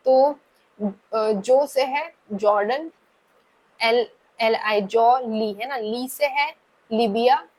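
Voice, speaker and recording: A woman's voice: a little high, rough recording. A young woman teacher giving an exam-prep lecture, going through lists one by one and often checking in with "है ना". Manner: slow, spelling out lists item by item with frequent "है ना".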